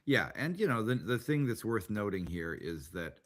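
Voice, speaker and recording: Man, low voice, podcast host, casual chat, rambling, many fillers. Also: big pitch swings, normal speed.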